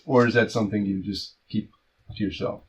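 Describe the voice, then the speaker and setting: A game master chats casually with his players in session zero, asking about the characters they've made. His voice is lowish and steady, a little quick, with slight background noise behind it.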